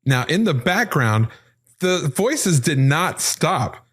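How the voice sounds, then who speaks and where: A man hosting a paranormal podcast, explaining recorded clips step by step in an excited, casual way. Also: fairly high pitch, takes it slowly, slightly rough. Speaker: podcast host.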